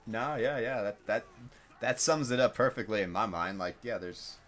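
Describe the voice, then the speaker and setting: A man's voice: lowish voice, lively intonation, normal speed, fairly bright tone. A man chatting casually while gaming, rambling and hesitant with lots of fillers and slang.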